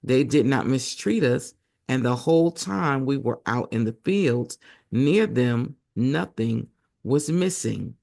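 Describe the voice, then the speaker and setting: A man reading the Bible aloud as a host, hoarse and losing his voice, breaking off for chatty asides to his viewers. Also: mid-range voice, animated, slow pace, darkish tone.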